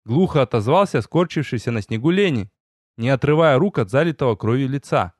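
A man narrating a first-person fantasy story in an audiobook, telling it with lively storytelling and voiced dialogue. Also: medium pitch, brisk, no echo, studio quality.

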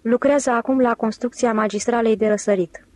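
A woman's voice: on the high side, steady tone, a little mellow, natural voice. A woman voicing a sweet, teasing young woman in an audiobook, lifting her voice for the part. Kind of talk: audiobook character reading.

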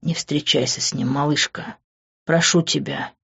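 A woman narrator voicing a jealous, possessive young man who speaks in a low, hushed, intense tone. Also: a little slow, lo-fi sound. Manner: low, hushed and intense, often near a whisper.

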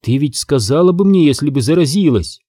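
A wary teenage girl in an audiobook horror story, questioning her friend with sharp, probing suspicion, as a man reads her lines. Her voice is raised above his own and stays mellow. The sound is close and dry. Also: a little high, expressive, brisk, breathy edge, no room sound, pitched above the performer's own voice. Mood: suspicious.

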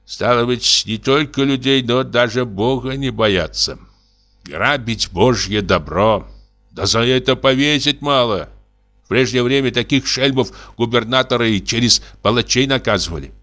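A man's voice: medium pitch, normal speed, a bit bright, voice pushed up, close to an everyday voice. A man reading an audiobook voices a timid, pious old male forester who whines and sighs in fright. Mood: pious lament. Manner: whining, sighing, fearful.

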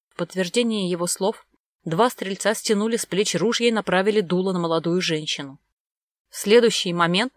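A woman's voice: medium pitch, no echo. A woman narrating a dramatic audiobook in scripted, storytelling style.

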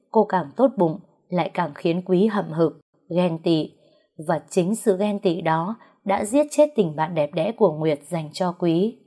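A woman reads a sad domestic story aloud, calm and steady. Her voice is low and warm, with a mellow, dark tone. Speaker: story narrator. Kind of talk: scripted narration.

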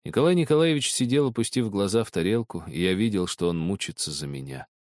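A man narrating literary prose as an audiobook in a measured, expressive way. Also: on the low side, dry recording, clean studio sound.

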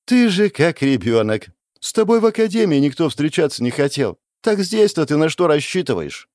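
A man's voice: a little high, big pitch swings, normal speed, darkish tone, no room sound, pitched above the performer's own voice. A man voicing a tall, haughty young horned woman in an audiobook, mocking and condescending.

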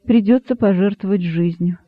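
Man reading a calm grave rabbit sage, measured, fairly high voice, phone-like sound. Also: dry recording. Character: wise sad old rabbit sage, calm. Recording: dry, narrow phone-like sound.

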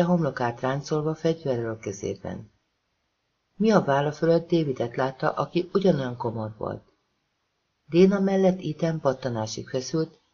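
A man reading a thriller novel aloud as an audiobook narrator, pacing it with tense pauses. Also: on the high side, darkish tone, slightly rough, highs cut off.

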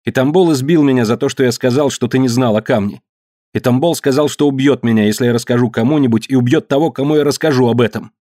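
A man's voice: mid-range voice, quick pace, mellow, no echo, pitched above the performer's own voice, lightly acted. A scared teenage boy speaks out earnestly, voice raised and tight, as a male narrator puts him on. Dry, close audiobook recording. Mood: tense. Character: frightened but upright teenage boy.

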